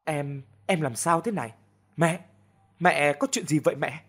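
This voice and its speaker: A man's voice: fairly high pitch, measured pace, a bit bright, pitched above the performer's own voice. A man voicing a distraught young village man begging his mother for help in a storybook reading. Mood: alarmed. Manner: pleading, distraught.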